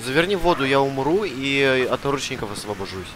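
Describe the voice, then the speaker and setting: A young man streaming an online roleplay game plays a detainee, arguing in character over voice chat in a pushy, demanding, mock-official way. His medium-pitched voice is animated and fairly quick, with clear noise, game audio, and car sounds behind it.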